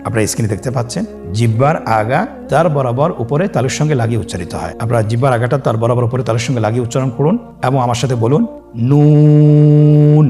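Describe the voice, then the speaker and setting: Soft music plays behind a man whose voice is medium in pitch and darkish in tone. He leads a scripted, step-by-step Quran reading lesson on Arabic letters, drawing out each letter name in song for listeners to echo.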